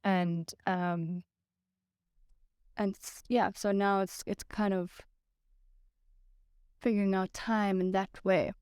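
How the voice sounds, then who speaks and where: A woman speaking on a panel in a thoughtful, halting way, dropping in frequent ums. Her voice is smooth and resonant, recorded close and dry. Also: mid-range voice, little pitch movement, a little mellow, no room sound. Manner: thoughtful, hesitant, many ums. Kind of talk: casual panel chat.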